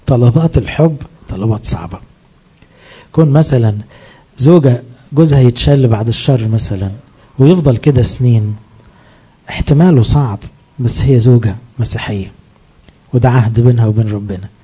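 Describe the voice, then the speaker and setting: A man's voice: medium pitch, brisk, pauses often, dark tone, slightly rough. A man with an Egyptian accent, a priest giving a sermon, explaining his points through rhetorical questions that he answers himself. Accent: Egyptian Arabic.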